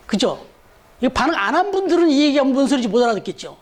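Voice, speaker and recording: A pastor preaching a Sunday sermon in church, talking conversationally and putting rhetorical questions to the congregation. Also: male voice, very high-pitched, sing-song, quick pace.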